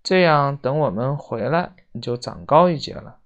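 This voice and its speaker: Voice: mid-range voice, expressive, natural voice. A storyteller voicing a bossy preschool girl who hands out orders to her brother while reading a children's book aloud. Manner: brisk, giving orders. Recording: dull lo-fi recording.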